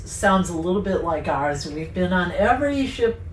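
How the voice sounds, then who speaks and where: Woman, casual interviewer, encouraging, fairly low voice, set back from the mic. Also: expressive, moderate pace. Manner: friendly, encouraging. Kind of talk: casual chat. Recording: roomy, distant mic, faint background noise.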